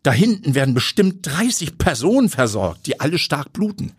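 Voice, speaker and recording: A man's voice: a little high, very animated, moderate pace, breathy edge, dry recording, clean studio sound, voice pushed up, heavily acted. A man voicing a curious, pushy young female reporter asking pointed questions. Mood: insistent. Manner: inquisitive, pushy.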